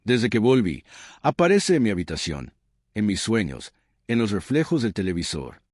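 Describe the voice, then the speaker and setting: A frightened young man haunted by a shadow, his speech shaken and trembling, as a male narrator reads him with little change from his own voice. He is a figure in a spoken horror story, with a low voice that swings widely in pitch. The sound is close and dry. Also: sing-song, moderate pace, a little mellow, dry recording.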